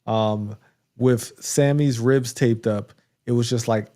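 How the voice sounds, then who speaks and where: A man's voice: mid-range voice, steady tone, takes it slowly, dark tone. A man co-hosting a podcast, recapping wrestling matches in a rambling casual chat, laughing now and then, with a touch of hiccups. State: has the hiccups. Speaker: podcast co-host.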